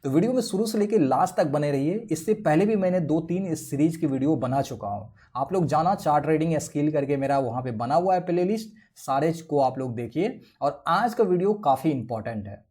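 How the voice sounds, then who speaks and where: A man walks viewers through a price chart in a tutorial. His delivery is animated and rises and falls a lot. He explains step by step and keeps checking in with the audience. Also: on the high side, brisk, hardly any pauses. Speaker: trading educator. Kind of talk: screen-share chart tutorial.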